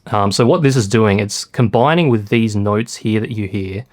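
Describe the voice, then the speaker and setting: A man casually explaining how he produced a track, relaxed and self-deprecating, with lots of fillers. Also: lowish voice, moderate pace, a little hiss or hum. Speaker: music producer.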